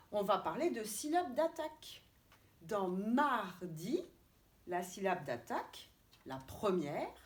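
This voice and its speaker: A woman kindergarten teacher with a French accent giving a remote lesson to young children, spelling out letters and syllables slowly and clearly. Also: mid-range voice. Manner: slow, deliberate, stretching out syllables and letters. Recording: distant mic with faint background noise.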